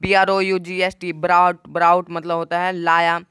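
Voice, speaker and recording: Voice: mid-range voice, little pitch movement, moderate pace, pushed and bright, clear, resonant tone, no room sound, clean studio sound. A teacher giving a Hindi-language spelling lesson, who spells each word letter by letter and then repeats every point. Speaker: English teacher.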